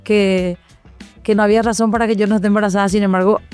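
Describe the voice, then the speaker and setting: A woman sharing a personal testimony in conversation, reflective, often pausing and adding tag questions. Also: mid-range voice, level tone, a little mellow, clean tone, soft background music. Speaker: guest.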